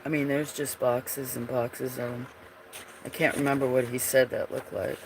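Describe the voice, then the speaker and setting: A livestream host talks about his drawings in a froggy, gravelly, mid-range voice, his delivery flat and his speed normal. The commentary is loose and wandering, trailing away as he looks for pieces, with background noise audible.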